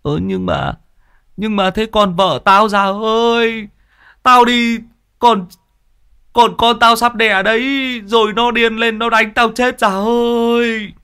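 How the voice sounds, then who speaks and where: A man's voice: sits high, takes it slowly, bright, forceful tone, clean tone, voice pushed up, heavily acted. A man voicing a timid middle-aged husband who whines and pleads. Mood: pleading. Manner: whiny, pleading.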